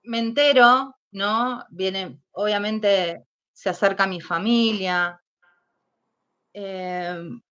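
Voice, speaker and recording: A woman with an Argentine accent, giving personal testimony as an interview guest, speaking slowly and hesitantly as she recalls painful events. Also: medium pitch, fairly bright tone. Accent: Argentine Spanish. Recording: dull lo-fi sound.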